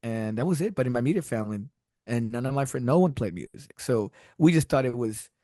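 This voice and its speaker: Talking fast with lively intonation, a middle-aged man from Texas whose native language is Spanish tells stories as a podcast guest, rambling and laughing frequently. His voice is medium-pitched and dark-toned. The casual interview is recorded in studio quality with no echo.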